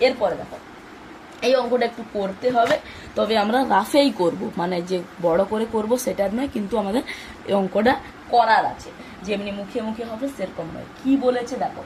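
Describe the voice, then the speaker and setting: A woman's voice: a little high, a little hiss or hum, rough recording. A woman teaching a math lesson for exams, explaining step by step and answering her own questions. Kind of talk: exam-focused math lesson.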